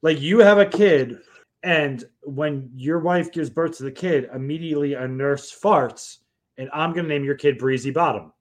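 A man's voice: fairly high pitch, moderate pace. Crude, playful joking man. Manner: crude, playful, laughs easily. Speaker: podcast co-host. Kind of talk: casual comedic banter.

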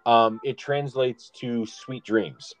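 A man's voice: mid-range voice, fairly even intonation, slow, soft background music, low-quality recording. A man co-hosting a casual podcast about a movie, rambling with lots of ums and restarts. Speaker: podcast co-host. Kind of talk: casual movie-discussion chat.

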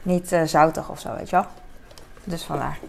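A woman's voice: low-pitched, steady tone, normal speed, vocal fry. Chatty woman cooking in a noisy kitchen. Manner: rambling, self-mocking, many fillers, mixes in English phrases. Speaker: vlogger. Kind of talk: casual cooking vlog chat. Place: home kitchen.

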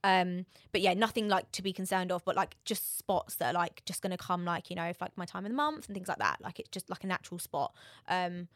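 A woman's voice: on the low side, fairly quick, a bit bright, no echo, clean studio sound. A woman talking casually and informally as an interview guest. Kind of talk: casual chat.

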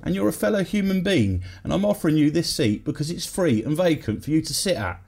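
A man playing a big, blunt woman on a bus, firm and scolding. The voice is raised above his usual pitch and sounds no-nonsense. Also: very animated, fairly quick, vocal fry, a little mellow, heavily acted.

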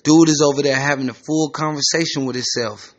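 A man's voice: on the high side, steady tone, fairly quick, lo-fi sound, lightly acted. Give me a man playing a blunt, streetwise teenage boy who swears a lot. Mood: annoyed.

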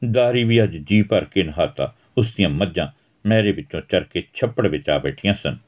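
A low-pitched man with lively intonation reads a village story at normal speed, narrating it and performing the quarrels between its characters as acted dialogue. His recording has a tinny, phone-like quality.

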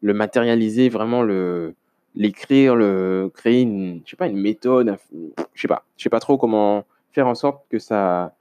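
A man's voice: fairly low pitch, moderate pace, dark tone, clean tone. A man hosting a casual solo podcast, rambling and hesitant with many restarts and self-mocking asides. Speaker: podcast host.

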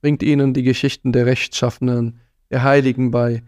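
A man's voice: mid-range voice, little pitch movement, moderate pace, darkish tone, no echo, studio quality. A man giving an earnest religious talk on parenting, admonishing his listeners and sprinkling in Arabic phrases. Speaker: preacher.

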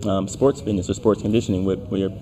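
A man's voice: low-pitched, steady tone, fast talker, crowd noise. A man interviewing casually as a podcast host, asking conversational questions.

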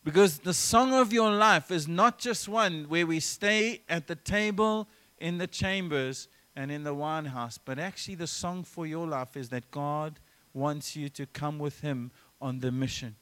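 Pastor, male, high voice, preaching an earnest church sermon with emphatic phrasing and quick restarts. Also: pushed and bright. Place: church service.

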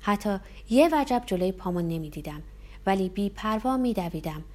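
A woman's voice: mid-range voice, expressive, darkish tone. Woman narrating a tense first-person story. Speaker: audiobook narrator.

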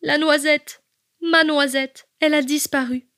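A small, eager young squirrel boy from a children's storybook, as a woman puts him on. His voice sits high and childlike, earnest and sensitive. The sound is dry and close. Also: steady tone, unhurried, a bit bright, no room sound. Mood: tearful. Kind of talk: storybook character voice.

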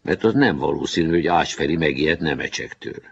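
A man's voice: very deep voice, vocal fry, dull audio, a little hiss or hum. A man voicing a blunt, contrary boy who objects in a storybook reading. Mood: objecting.

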